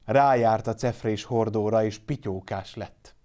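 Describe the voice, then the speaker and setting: A man's voice: fairly low pitch, mellow, lightly acted. A man voicing a sly, wiry old neighbor who makes teasing, knowing remarks. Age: older.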